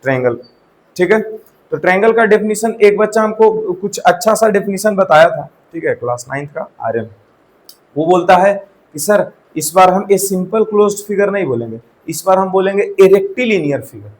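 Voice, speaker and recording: High-voiced man teaching a maths class. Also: lively intonation, moderate pace, poor audio. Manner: asks the class questions and checks with repeated "theek hai". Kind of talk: classroom lecture. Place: classroom with students.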